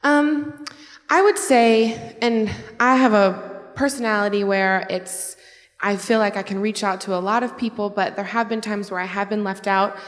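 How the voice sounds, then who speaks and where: A woman's voice: mid-range voice, steady tone, normal speed. A woman in her twenties speaking sincerely as a panelist. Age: 20s. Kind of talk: casual panel talk. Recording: hall reverb.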